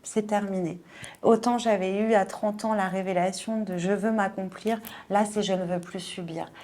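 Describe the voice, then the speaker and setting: A woman in her forties giving a personal testimony in an interview, halting and emotional, often repeating words and filling pauses. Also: medium pitch, steady tone, mellow. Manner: emotional, earnest.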